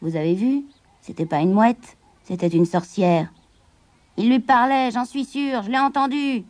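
A woman voicing a superstitious male sailor who gossips in a lowered, rough voice in a storybook reading. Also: unhurried, darkish tone, no echo, close to an everyday voice. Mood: gossiping.

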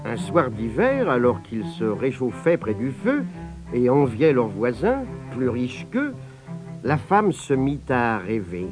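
A man reading a fairy tale aloud in a slow, expressive storytelling manner. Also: mid-range voice, music in the background.

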